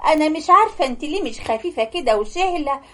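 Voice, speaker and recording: A woman's voice: high-pitched, animated, quick pace. A woman doing a scornful Egyptian mother-in-law. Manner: sharp, mocking, bossy scolding. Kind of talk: animated story narration.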